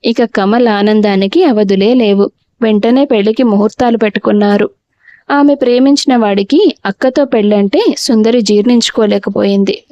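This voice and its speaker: A woman's voice: medium pitch, warm tone, no room sound, dull audio. A woman reading a scripted family drama aloud as storyteller, voicing each character's lines herself. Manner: switches voices for each character. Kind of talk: scripted narration of a family drama with voiced dialogue.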